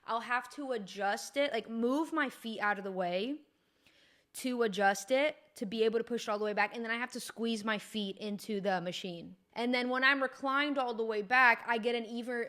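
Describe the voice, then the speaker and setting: A woman's voice: fairly high pitch, fairly bright tone. A young woman fitness coach explaining gym technique in a chatty, upbeat, informal way. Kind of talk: casual instructional talk.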